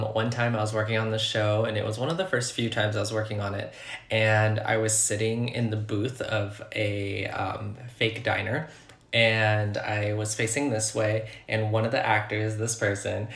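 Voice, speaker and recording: Man, hesitant, slow, gravelly, low, roomy echo. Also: level tone, a bit bright. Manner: slow and hesitant, many ums. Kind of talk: casual storytelling.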